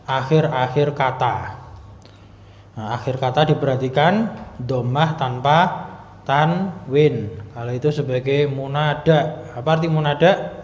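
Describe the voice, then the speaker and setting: A man teaching Arabic grammar at a mosque study class, explaining step by step and clearing his throat often. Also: mid-range voice. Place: mosque hall. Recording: roomy, echoey hall, dull lo-fi sound.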